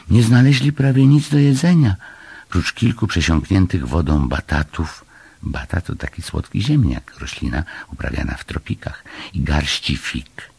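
A man reading a children's storybook aloud in an expressive way, changing his voice for each figure. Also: very deep voice, breathy edge, dry recording. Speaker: narrator.

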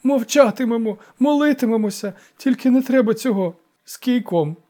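A frightened old village elder, put on by a male narrator, wailing and pleading. His voice climbs high and loud. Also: normal speed.

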